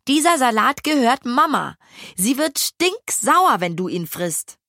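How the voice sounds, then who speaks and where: A woman's voice: sing-song, unhurried, pushed and bright, no room sound, clean studio sound, full character voice. A woman reading a storybook, voicing a young girl who is upset and near tears as she chases a runaway pig. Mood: scolding. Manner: shrill, pleading, near tears.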